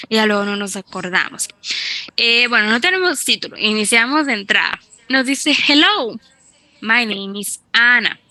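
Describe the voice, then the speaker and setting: Woman, English teacher, slow and deliberate, bright tense tone, dry close sound, online class over a call. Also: a little high, no room sound. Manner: slow, deliberate, repeats phrases to model pronunciation. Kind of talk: online class, explaining in Spanish and modeling English.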